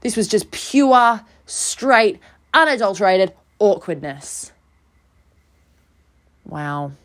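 A woman's voice: medium pitch, big pitch swings, drawn-out words. Rambling self-deprecating young woman. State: overtired. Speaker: podcast host. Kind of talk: casual storytelling monologue.

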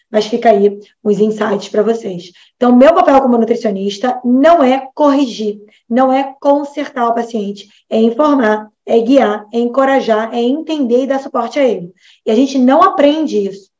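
A woman's voice: on the high side, warm tone, dull audio. A Brazilian woman who is a nutritionist, giving a casual online lecture to health professionals and checking in often with her listeners. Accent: Brazilian Portuguese. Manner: chatty, frequent "né?" and "tá?" tags, acts out patient dialogues.

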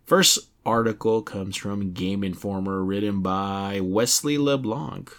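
A man's voice: lowish voice, slow, fairly bright tone. Rambling young male podcast host. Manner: rambling, many restarts and fillers. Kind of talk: casual podcast chat.

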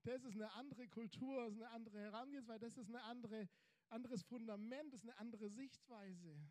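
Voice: mid-range voice, fairly quick, darkish tone. A preacher delivering an emphatic sermon, building points through repeated phrases and rhetorical questions.

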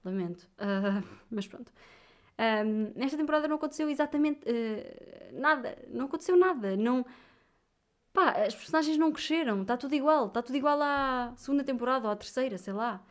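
A woman's voice: high voice, expressive, a little fast. A young woman from Viseu with a European Portuguese accent, ranting animatedly and casually to her viewers, full of little fillers. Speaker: vlogger. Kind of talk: casual chat.

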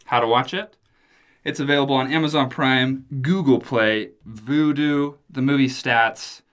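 A man's voice: mid-range voice, fairly bright tone. Laughing, teasing male podcast host. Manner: joking, teasing, laughs often. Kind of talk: casual movie review chat.

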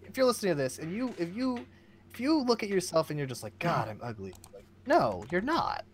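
A man's voice: sits high, wildly swooping pitch, brisk, slight background noise. A man, a guest streamer, talking casually on a podcast, swearing often and laughing a lot.

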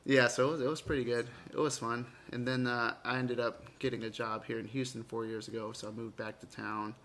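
A man's voice: mid-range voice, level tone, a little fast, fairly bright tone, slight background noise. A man in his forties, born abroad and raised in the southern US, chatting as a podcast guest and telling stories animatedly with self-mocking asides. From Argentina, raised in Texas. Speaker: interview guest. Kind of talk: casual conversation.

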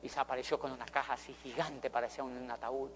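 A man's voice: mid-range voice, little pitch movement, fast talker, a little hiss or hum. A middle-aged man, telling an emphatic motivational story to an audience and repeating phrases for effect. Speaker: motivational speaker.

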